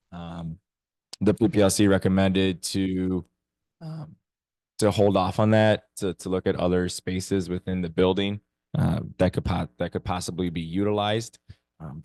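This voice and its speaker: Hoarse man giving a flat meeting report. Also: deep voice, no room sound. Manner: steady, level report with frequent pauses. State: hoarse, losing his voice. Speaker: teacher representative at a council meeting.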